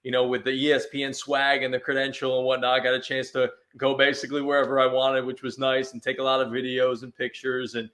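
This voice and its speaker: A man's voice: medium pitch, completely flat delivery, fast, few pauses, a bit bright. A man chatting as a guest on a sports talk show, telling easygoing stories with frequent restarts. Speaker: sports radio host, guest. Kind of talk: casual chat.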